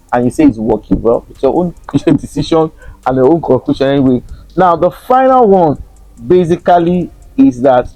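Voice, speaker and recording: A man's voice: fairly high pitch, mellow, no echo, rough recording. A Nigerian man, a real estate consultant, talking to camera in a frank, teasing way and chuckling often. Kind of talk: casual talk to camera.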